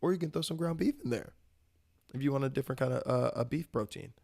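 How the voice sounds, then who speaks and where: A man's voice: medium pitch, quick pace, vocal fry, darkish tone. A young man from the American South hosting a casual solo podcast, talking about food with enthusiastic, rambling energy and casual swearing. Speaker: podcast host.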